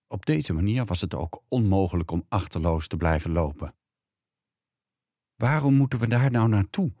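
A man narrates an audiobook in a measured, steady way. His voice sits very low, with a dark, husky timbre. The recording is dry and close. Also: no room sound. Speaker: reader.

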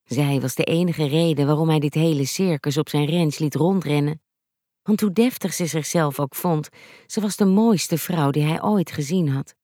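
An audiobook narrator reading a story in an even, measured storytelling manner. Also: medium pitch, no room sound, studio quality. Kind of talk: scripted narration.

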